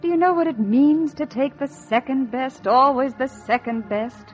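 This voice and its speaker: Full of intense longing, an actress with a high, animated voice plays an embittered housewife who dreams of one luxury, in a 1940s-style radio drama. Speaking at a moderate pace, she delivers melodramatic monologue and dialogue, repeating phrases for emphasis over muffled, music-laden audio.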